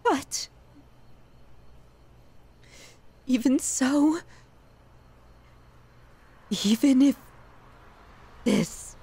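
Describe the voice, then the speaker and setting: Voicing a fully realized yandere character, a woman delivers a halting, emotional ASMR monologue full of obsessive, possessive love. She speaks high and slowly, with a darkish tone, and the mood is tearful and desperate.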